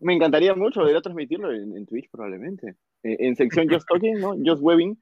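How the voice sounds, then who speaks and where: Casting: lively, quick jokey storyteller guy, dry and thin, phone-like sound. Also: fairly high pitch, dry recording. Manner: animated, jokey, acts out quoted voices. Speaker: guest storyteller. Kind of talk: casual chat.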